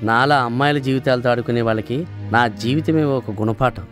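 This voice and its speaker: A man's voice: mid-range voice, fairly quick, a bit bright, faint music behind, close to an everyday voice. An actor playing a henpecked office clerk who ruefully tells his story, in a comedy film. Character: henpecked, hapless office clerk and former womanizer. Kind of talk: Telugu comedy film acting.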